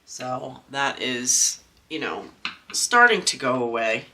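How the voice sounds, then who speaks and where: This crafting channel host from Maryland, USA, has a bass voice with a sharp tone, big pitch swings, and a slow pace. Stuffy and congested, she chats casually at home as she crafts, rambling with plenty of ums and restarts.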